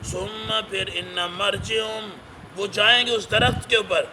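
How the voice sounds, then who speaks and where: A man's voice: sits high, fairly even intonation. A man teaching the Quran, reciting Arabic verses and explaining each phrase in with a teacher's questions to his listeners. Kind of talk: Quran translation lesson. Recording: noisy recording with traffic behind.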